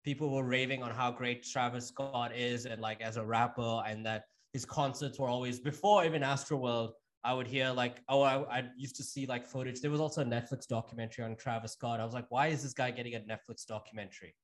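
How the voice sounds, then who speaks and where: Late-twenties male podcast guest, casual chat, halting and repetitive delivery. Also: medium pitch, steady tone. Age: late 20s. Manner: halting, repeats words, laughs easily.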